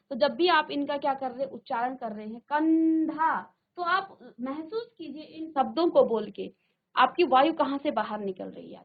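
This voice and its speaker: Woman hindi teacher, high voice, asks a question then answers it, tinny phone-like sound. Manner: asks students questions and answers them herself; slows down to stress example words. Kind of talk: virtual classroom lesson.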